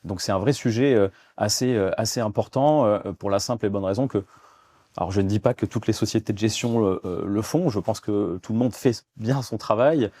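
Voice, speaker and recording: A man's voice: fairly low pitch, brisk, mellow, dry recording. A man in his thirties from France, a guest in a business interview, talking with many fillers and restarts. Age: 30s. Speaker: guest, fund development director.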